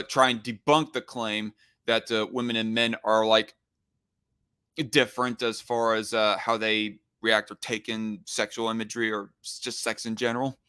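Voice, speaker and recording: A man with a forward, bright voice at an average pitch, reacting off the cuff. He argues bluntly and often stumbles as he searches for the right words. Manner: argumentative, blunt. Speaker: commentator responding to a played discussion.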